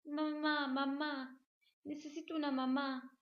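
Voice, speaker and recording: A woman voicing a small, lonely yellow bird boy who pleads tearfully for a mother. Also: mid-range voice, very animated, moderate pace, echoey room, dull audio, natural voice. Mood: pleading.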